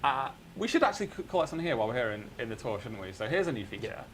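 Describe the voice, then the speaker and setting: Guy on a game update stream, slow and laid-back, bit of background hiss. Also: medium pitch. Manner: relaxed, explanatory, with fillers. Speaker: game studio presenter. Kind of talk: live game-update broadcast.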